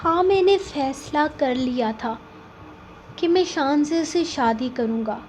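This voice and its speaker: Figure: affectionate young husband read by a woman. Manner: soft, gently coaxing. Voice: high and light. Style: audiobook novel reading. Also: animated, a little hiss or hum, poor audio. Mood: confiding.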